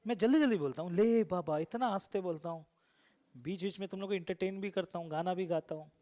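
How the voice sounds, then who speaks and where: A man's voice: sits high, fast, warm tone. A man teaching a math lesson to a classroom. He keeps quizzing and teasing the students with repeated questions. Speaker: coaching teacher.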